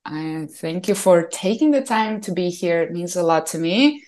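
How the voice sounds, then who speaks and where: Upbeat woman host, fairly low voice, lots of energy asking questions. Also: moderate pace. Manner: energetic, enthusiastic. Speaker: podcast host. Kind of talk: interview hosting.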